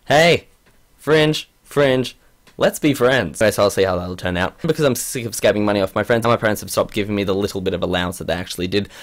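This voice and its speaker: A man's voice: fairly low pitch, steady tone, very fast, few pauses. A young man in his late teens, rambling and self-deprecating in a casual vlog, often tripping over his words. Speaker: vlogger.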